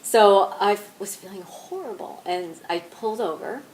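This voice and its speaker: A woman's voice: medium pitch, lively intonation, moderate pace, darkish tone, lightly acted, rough recording. An actress playing a young woman who tells a friend a long, rambling story, full of likes and ums, in naturalistic indie-film dialogue. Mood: animated.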